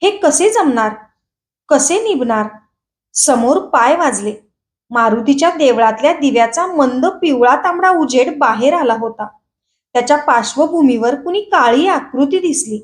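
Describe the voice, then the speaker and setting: A woman calmly reading a novel aloud at a measured pace, after a short channel introduction. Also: sits high. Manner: calm, measured storytelling. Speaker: audiobook reader. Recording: echoey room.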